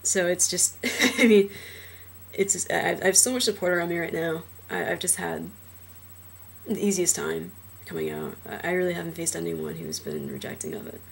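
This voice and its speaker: Talking in a personal vlog, a young transgender man with a cold that has deepened his trained low voice stumbles through fillers and restarts. He's very animated at a moderate pace, with vocal fry and a husky yet fairly bright tone.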